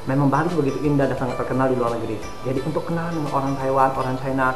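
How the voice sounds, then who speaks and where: A man's voice: mid-range voice, steady tone, racing. A man who works as a study-abroad consultant gives advice to viewers and keeps addressing them directly as he talks. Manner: addresses listeners repeatedly as "saudara". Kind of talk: instructional talk to viewers. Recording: roomy echo with loud music behind. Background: music.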